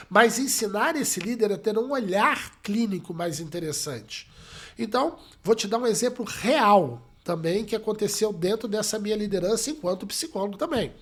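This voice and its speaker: Male psychologist guest from Brazil with a high voice, a lively storyteller who acts out dialogue. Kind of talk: interview answers with anecdote.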